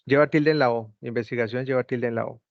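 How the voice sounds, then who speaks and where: A man's voice: medium pitch, steady tone, fast, no echo. A man tutoring an online class over a video call, patiently repeating step-by-step instructions. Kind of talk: guiding students through a video call. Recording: dull lo-fi call audio, dry.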